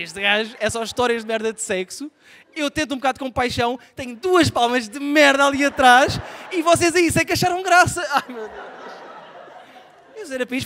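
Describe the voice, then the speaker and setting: High-voiced European Portuguese comic. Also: male voice, slight background noise. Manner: animated, self-mocking, swings between soft asides and loud outbursts. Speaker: stand-up comedian. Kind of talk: live stand-up comedy. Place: theatre stage before a live audience.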